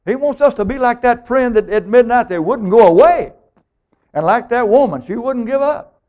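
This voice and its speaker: A man preaching a sermon, emphatic and animated, acting out the people of scripture as he tells them. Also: very high-pitched, moderate pace. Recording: dull lo-fi recording.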